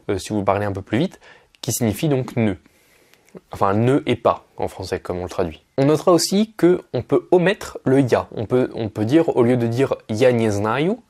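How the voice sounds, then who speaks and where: A man's voice: mid-range voice, darkish tone. Man teaching Russian phrases. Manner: explains patiently, repeats phrases slowly. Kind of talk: casual video lesson.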